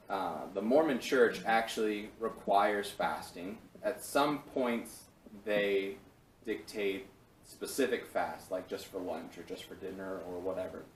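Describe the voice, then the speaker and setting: Casual low-voiced man teaching from afar. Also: fairly bright tone. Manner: conversational, rambling, with many fillers and restarts. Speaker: Bible study teacher. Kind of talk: casual Bible study teaching. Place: church meeting room. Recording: roomy, from a distance, faint background hiss.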